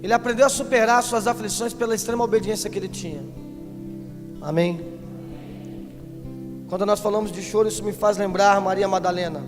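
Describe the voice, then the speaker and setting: A pastor preaching a sermon in church, moving from quiet teaching to impassioned shouting. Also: male voice, sits high, steady tone, a little fast, pauses often. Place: large church. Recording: live church recording with long hall reverb and music.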